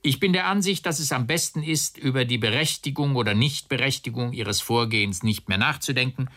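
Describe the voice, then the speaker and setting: A man's voice: medium pitch, brisk, bright, forceful tone, voice pushed up, close to an everyday voice. A man voicing an agitated, indignant arrested man who exclaims in outraged, rising cries. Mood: stiffly formal.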